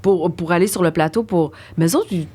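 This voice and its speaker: A middle-aged woman with a Québécois French accent, a guest in a casual talk, recounting stories briskly. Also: lowish voice, husky. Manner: brisk anecdotal, lively recounting. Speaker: guest actress. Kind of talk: casual conversation.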